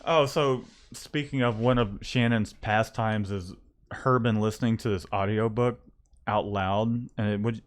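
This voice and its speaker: His voice is on the low side, a little slow and steady in tone. Chatting casually on a livestream as co-host, the screen printing shop owner rambles with frequent restarts and fillers in a Southern accent that mixes Texas and Louisiana.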